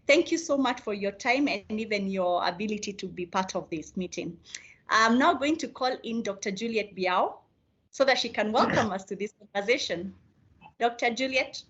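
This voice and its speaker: A woman's voice: mid-range voice, lively intonation, normal speed, fairly bright tone, breathy edge. A woman hosting a video meeting, polite and hesitant, with frequent fillers. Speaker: meeting host. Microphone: video call. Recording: slightly dull video-call audio.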